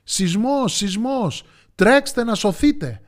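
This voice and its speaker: A man voicing a jittery, panicked male hare in a children's story, pitched up and talking in an alarmed rush. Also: very animated, a little mellow.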